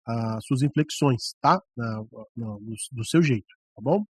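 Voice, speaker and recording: A man's voice: mid-range voice, measured pace, breathy edge, no echo. Brazilian man giving a conversational lecture. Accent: Brazilian Portuguese. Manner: conversational, often demonstrating with voice and mic. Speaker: church leadership teacher. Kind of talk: classroom lecture on preaching. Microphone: microphone on a stand, about ten centimeters away.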